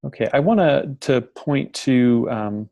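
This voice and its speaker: Creaky, halting man on a video call. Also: mid-range voice, lively intonation, a little mellow, no echo. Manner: talking on a video call while screen sharing; halting, repeats and restarts phrases. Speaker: host of an online information session. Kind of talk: informal presentation.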